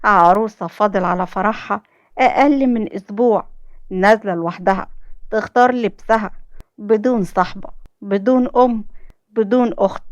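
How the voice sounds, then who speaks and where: A young woman with an Egyptian accent tells a dramatic story in the first person, her delivery emotional and heartfelt. Her pitch sits in a middle range for a woman. The recording is dry and close, with no room sound. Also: darkish tone, no echo, highs cut off. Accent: Egyptian Arabic.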